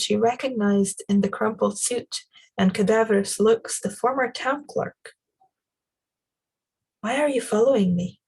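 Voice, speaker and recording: A woman reading a novel aloud in a calm, measured way. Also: medium pitch, vocal fry, breathy edge. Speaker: storyteller.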